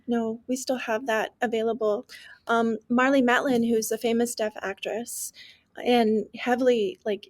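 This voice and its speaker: Speaking earnestly as the guest expert on deaf education, this woman has a fairly high but darkish-toned voice. The podcast interview is conversational, and she keeps restarting her sentences, peppering them with "um" and "like".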